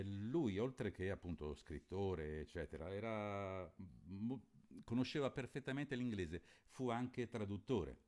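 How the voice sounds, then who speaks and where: A low-voiced man presents and reads a novel aloud. He explains in a halting, thoughtful manner, pausing often to find his words. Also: darkish tone. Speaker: literary reader and presenter. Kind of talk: reading a novel aloud with spoken introduction.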